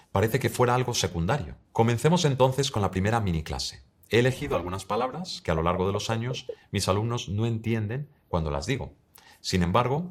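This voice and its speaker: Low-voiced male English teacher. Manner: direct, addresses the listener, models English words. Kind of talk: scripted online lesson.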